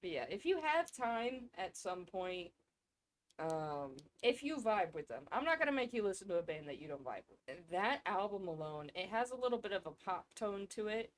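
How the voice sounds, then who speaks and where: A woman co-hosting a casual podcast, rambling and excitable, swearing freely. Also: mid-range voice, moderate pace, a little hiss or hum. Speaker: podcast co-host. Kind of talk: casual chat.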